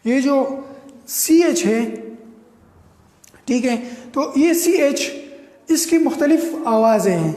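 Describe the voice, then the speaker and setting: A man's voice: very high-pitched, warm tone. A man teaching English pronunciation in a classroom lecture, repeating words and asking the class rhetorical questions. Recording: echoey room with long reverb.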